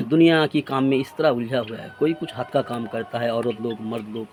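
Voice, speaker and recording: A man's voice: medium pitch, moderate pace, a little mellow, a little hiss or hum. A man in his forties delivering an earnest, reproachful religious sermon to his friends, piling up repeated phrases. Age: 40s. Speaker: preacher.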